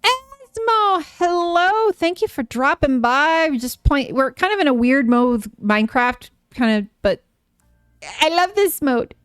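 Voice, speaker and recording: A woman streamer giving casual live gameplay commentary, gushing and excitable as she talks to herself and her chat. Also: sits high, measured pace, few pauses, dry recording, clean studio sound, faint music behind.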